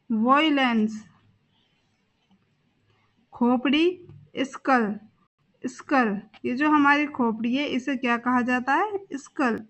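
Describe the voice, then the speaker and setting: A young woman English teacher with a high, slightly bright voice leads a vocabulary lesson, saying each word twice and spelling words out letter by letter. The sound is lo-fi.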